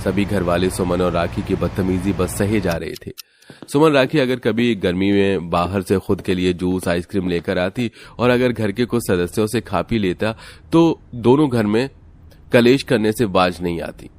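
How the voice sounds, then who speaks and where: A man narrating an animated family story in a steady, scripted storytelling delivery. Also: deep voice, moderate pace.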